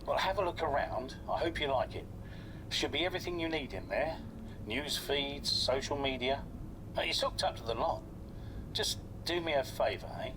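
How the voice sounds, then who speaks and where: A man voicing a racing team boss who guides a rookie driver in a brisk, friendly, instructing manner. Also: medium pitch, animated, lightly acted. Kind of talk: video game cutscene dialogue. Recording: game audio with clear background noise.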